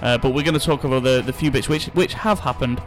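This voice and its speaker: A man hosting a football transfer podcast in casual chat, talking in quick, halting bursts with many restarts. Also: medium pitch, over music. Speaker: podcast host.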